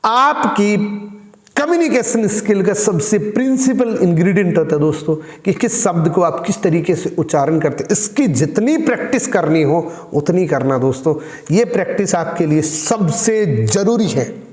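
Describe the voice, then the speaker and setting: A man's voice: high-pitched, lively intonation, normal speed, darkish tone. Male speaking coach, friendly lecturing tone, recorded with roomy echo. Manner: demonstrates tone by repeating the same lines in different ways; addresses listeners as friends, explains patiently. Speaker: communication skills trainer. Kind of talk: spoken training lesson. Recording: roomy echo with long reverb.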